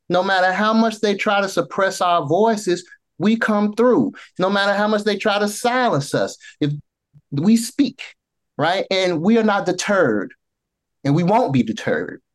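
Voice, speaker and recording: A man with a Southern accent, a book editor answering interview questions earnestly and repeating phrases for emphasis. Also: on the high side.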